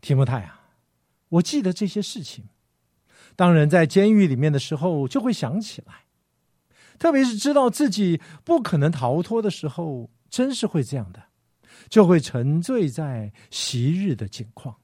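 Expressive male preacher, dry sound. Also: on the high side, moderate pace, no room sound. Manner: emphatic, expressive delivery with sharp swings in loudness. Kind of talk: sermon.

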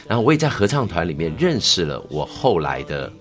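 A deep-voiced middle-aged man with a Taiwanese Mandarin accent, telling his own story as an interview guest. He speaks earnestly and gets animated, pushing his voice up for emphasis, with soft music faint underneath. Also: a little fast. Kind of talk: interview, recounting life story.

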